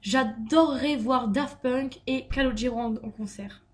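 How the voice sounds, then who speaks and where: A woman's voice: on the high side, measured pace. A young woman from France chatting through a vlog question list, with many fillers and restarts. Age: young adult. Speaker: beauty vlogger. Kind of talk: casual Q&A tag vlog.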